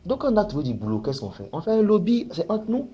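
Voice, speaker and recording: A man's voice: sits high, huge pitch swings, fast, dark tone, slightly rough, dull audio. A man talking casually as a spiritual teacher, explaining his points with frequent rhetorical questions.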